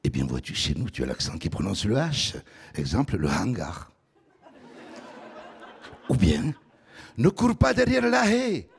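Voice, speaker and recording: A man putting on a deep, velvety voice with a Toulouse accent, slow and mock-solemn. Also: big pitch swings, gravelly, breathy edge, exaggerated voice. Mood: warm mock-solemn.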